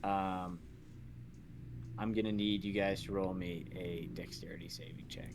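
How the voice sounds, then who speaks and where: A man's voice: deep voice, little pitch movement, measured pace, background noise. A man narrating as dungeon master of a tabletop game, casual and rambling, with lots of fillers.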